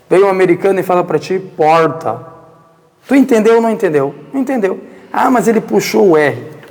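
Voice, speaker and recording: Arabic-native man, fairly high voice, teaching religion through question-and-answer prompts, recorded in a reverberant hall. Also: a little mellow. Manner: poses rhetorical questions and answers them himself. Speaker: Islamic teacher. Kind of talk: religious lesson. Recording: long reverberant hall echo.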